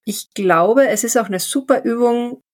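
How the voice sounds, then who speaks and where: A woman talks through mindfulness on a podcast in a calm, reflective way. Her phrases stretch out gently and often close with a soft "ja". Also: a little high. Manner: calm, reflective, drawn-out phrasing with many "ja" fillers. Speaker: podcast co-host. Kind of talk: casual podcast conversation on mindfulness.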